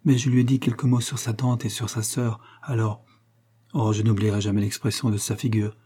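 A man's voice: fairly low pitch, level tone, fairly quick, dark tone, husky. A man reading an audiobook voices an earnest, lovesick young woman in a raised, pleading tone. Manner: emotional, pleading.

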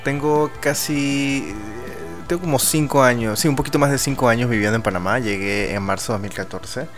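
A man's voice: mid-range voice, a little fast, fairly bright tone. A man from El Salvador hosting a live-streamed music show, talkative and making joking asides to the listeners. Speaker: radio show host. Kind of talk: live-streamed radio interview talk.

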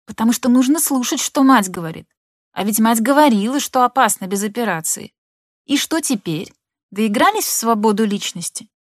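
A woman's voice: on the high side, animated, moderate pace, dry recording, clean studio sound. A woman voicing a nagging older mother who pries and scolds her daughter, in an audiobook. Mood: scolding. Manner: insistent, scolding.

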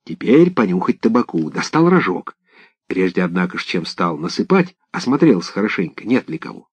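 A man narrating a folk tale in an expressive, dramatic reading. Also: sits low, normal speed, breathy edge, no room sound. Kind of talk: scripted storytelling narration. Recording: dull lo-fi dry recording.

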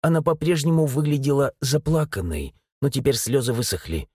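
A man narrating a dark novel as an audiobook, in an expressive storytelling manner. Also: medium pitch, fairly quick, husky, no room sound, clean studio sound. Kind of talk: scripted narration.

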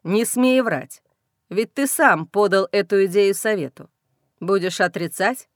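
A woman's voice: medium pitch, measured pace, no echo, clean studio sound, natural voice. A woman voicing a stern, threatening male alpha werewolf leader in an audiobook. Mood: menacing. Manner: cold, threatening. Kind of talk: audiobook character reading.

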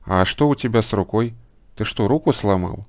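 A man voicing a cheerful young girl, raising his voice higher for her. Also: animated, moderate pace, dry recording, natural voice.

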